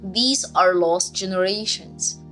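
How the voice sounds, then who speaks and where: A woman's voice: medium pitch, takes it slowly, a bit bright, poor audio. A woman in her thirties from Sudan, a refugee teacher, speaking candidly and earnestly about her life. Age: 30s. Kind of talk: personal testimony. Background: guitar music.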